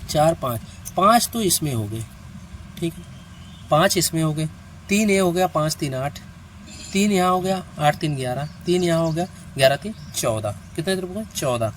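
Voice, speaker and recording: A man's voice: on the high side, slight background noise. Man teaching reasoning, counting out steps. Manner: counts out steps aloud, often checks in with the listener. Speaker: reasoning teacher for competitive exams. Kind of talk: online lesson explaining reasoning problems.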